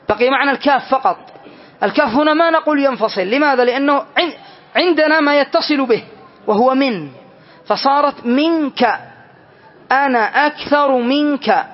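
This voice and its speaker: A man teaching a classroom grammar lesson, explaining step by step and checking with students through questions. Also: very high-pitched. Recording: dull lo-fi lesson recording.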